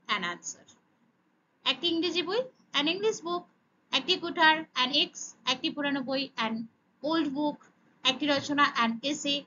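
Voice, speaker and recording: A Bengali woman with a high, bright voice teaches children an English grammar lesson. She asks and answers her own questions and says "okay" often, on a muffled recording with slight background noise.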